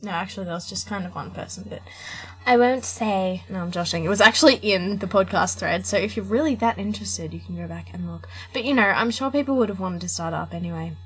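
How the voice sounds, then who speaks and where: A woman's voice: medium pitch, fast talker, fairly bright tone, poor audio. An Australian woman co-hosting a casual podcast, chatting in a giggly, rambling way. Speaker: podcast co-host.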